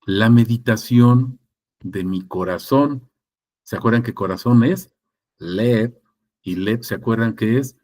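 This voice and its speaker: A man preaching a sermon, teaching with rhetorical questions and repeated phrases, moving between loud emphatic passages and quiet ones. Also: mid-range voice, slow pace.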